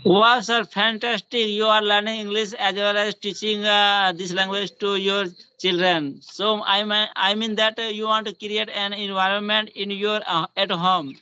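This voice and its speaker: High-pitched man, Indian accent, broken English, bright creaky voice, casual practice chat, lo-fi online call. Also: little pitch movement, normal speed, hardly any pauses. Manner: broken English with repeats and self-corrections. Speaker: English learner.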